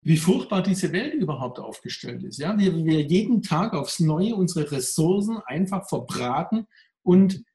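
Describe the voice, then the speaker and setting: A man answering interview questions in a candid, reflective way. His voice sits fairly high and sounds pressed and tense, and it rings with a roomy echo. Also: big pitch swings, normal speed, darkish tone. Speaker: mental trainer.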